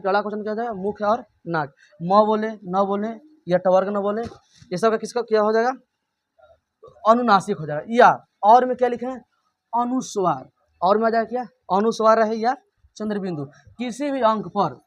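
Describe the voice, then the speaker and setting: A man teaching a grammar lesson. He keeps asking and answering his own questions and repeats every point. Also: high voice.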